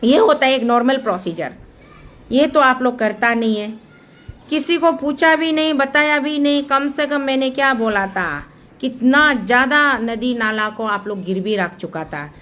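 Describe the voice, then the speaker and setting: A woman's voice: a little high, animated, moderate pace, a bit bright. A woman with an Arunachal accent giving an impassioned monologue, explaining a procedure step by step and mixing English phrases into her Hindi. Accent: Arunachal Pradesh. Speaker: activist speaking on a local dam issue.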